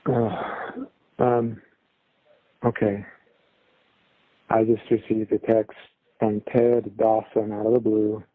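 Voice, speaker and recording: A man's voice: fairly low pitch, little pitch movement, takes it slowly, pauses often. A man taking a call from prison over the phone, speaking briefly and practically with pointed questions. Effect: heard over a prison phone call. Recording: tinny prison phone line.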